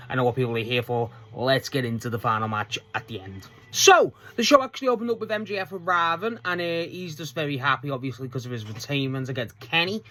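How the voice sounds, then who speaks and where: A man's voice: medium pitch, fairly bright tone. A man casually reviewing a wrestling show, chatty and swearing freely as he retells scenes.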